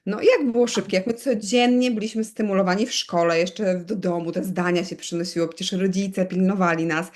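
A middle-aged woman from Poland, a teacher of bilingual children, speaking in an easygoing interview. She explains at length, keeps turning to her listener with quick asides, and fills pauses with small hesitations. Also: mid-range voice, fairly even intonation, a little mellow. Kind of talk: conversational expert interview.

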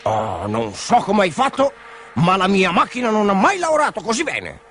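A man voicing an excitable, grumpy middle-aged butcher in a storybook reading, quick to anger and shouting insults. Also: very high voice, slightly rough, voice pushed up, full character voice. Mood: kindly. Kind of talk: storybook character voice.

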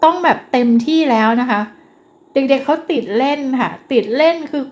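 A middle-aged woman teacher giving parenting advice in a gentle, patient way, full of polite particles. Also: sits high, moderate pace. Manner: gentle, acts out example parent dialogue, frequent polite particles. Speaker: child development teacher.

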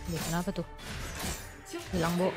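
A woman's voice: fairly low pitch, level tone, moderate pace. A woman streamer, bantering casually during a gaming livestream. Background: music.

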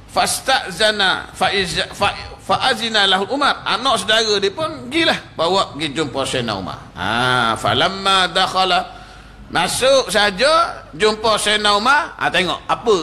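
A Malaysian Malay man teaching in a prayer hall, his high, very bright voice swinging widely as he acts out the story's quoted lines. Faint noise sits under the recording. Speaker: religious teacher. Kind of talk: mosque lecture.

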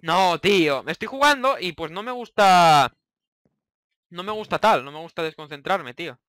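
A young man with a Spain Spanish accent narrates his own gameplay as he plays, tossing in curses and breaking into sudden yells. His voice sits a little high and sounds bright and forceful. It is recorded dry, with no room sound. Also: moderate pace, dry recording. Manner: excitable, swears a lot, yells in sudden bursts. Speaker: gaming YouTuber. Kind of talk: live gameplay commentary.

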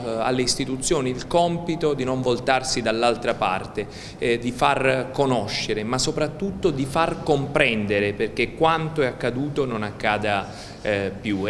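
A man's voice: medium pitch, fairly bright tone, big-room sound, a little hiss or hum. A man presiding over a council session, giving a solemn formal speech with hesitant fillers. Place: council chamber.

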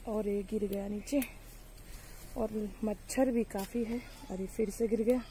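On a rough recording with a little hiss or hum, a young woman's mid-range, dark-toned voice comes through. Filming a handheld-phone vlog in her sunny vegetable garden, she chats casually to viewers as friends, full of fillers, and is hot and irritated by sun and mosquitoes.

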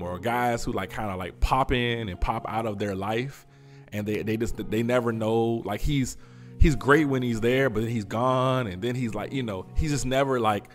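Podcast guy, mid pitch, really animated, keeps laughing and asking why. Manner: animated, laughing often, teasing rhetorical questions. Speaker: podcast host. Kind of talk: casual commentary.

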